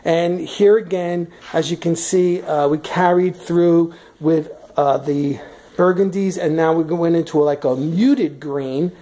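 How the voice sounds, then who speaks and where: Here a woman shows off her large, furnished house in a chatty vlog, carrying the camera herself so she stays unseen. She speaks slowly in a warm, lowish voice, with frequent fillers and restarts as she moves between rooms.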